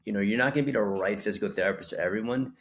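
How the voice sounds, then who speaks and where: A man's voice: on the low side, racing, fairly bright tone. A young man co-hosting a casual podcast about physical therapy business, rambling and acting out caller quotes.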